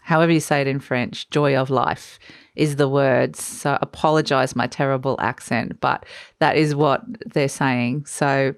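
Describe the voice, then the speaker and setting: Tarot reader lady, low voice, dreamy, lots of ums and restarts. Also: fairly even intonation, normal speed, clear, resonant tone, no room sound, clean studio sound. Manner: dreamy, searching for words, many fillers. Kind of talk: tarot reading monologue.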